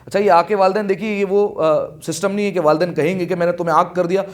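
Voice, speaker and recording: A man's voice: sits high, fairly even intonation. A man delivering a sermon with impassioned storytelling, raising his voice for quoted lines and asking the listeners questions. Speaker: preacher. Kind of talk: Urdu majlis sermon. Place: religious hall.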